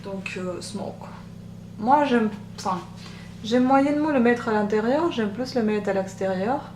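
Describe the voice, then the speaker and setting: Woman, soft voice, casual tutorial chat, hesitant; distant mic, roomy, loud hum behind. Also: a little high. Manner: chatty, hesitant with many pauses. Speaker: beauty vlogger. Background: machine hum.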